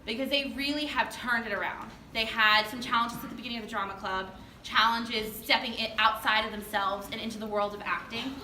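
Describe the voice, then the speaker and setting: A drama teacher hands out student awards before an audience of parents, her fairly high voice brisk, bright and forceful, with fairly even intonation. She gushes in a casual, colloquial way. A far-off, noisy mic picks her up in an echoey indoor room.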